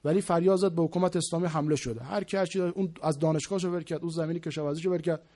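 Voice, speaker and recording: Male preacher, high-pitched tenor, fervent sermon delivery, volume swings from hushed to booming, lots of rhetorical questions. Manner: impassioned, with rapid rhetorical questions; swings from low murmurs to loud exclaiming. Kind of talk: religious sermon.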